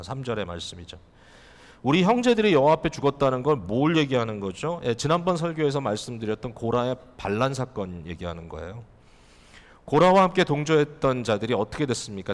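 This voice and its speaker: A male pastor delivers a sermon with an animated, rising and falling voice, speaking directly to his congregation and posing rhetorical questions. His voice rings out with a long reverb, as in a church hall. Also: medium pitch.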